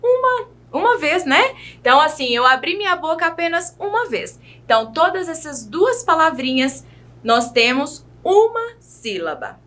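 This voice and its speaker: A woman teacher with a Brazilian Portuguese accent, giving a patient children's video lesson and sounding out words slowly, syllable by syllable. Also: sits high, very animated, a bit bright. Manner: slow, careful syllable-by-syllable enunciation; patient, addresses young pupils directly.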